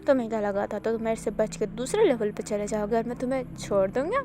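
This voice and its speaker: A woman voicing a cold, mocking male swordsman villain with a low, taunting menace in a fan-fiction story. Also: fast, background noise, lightly acted.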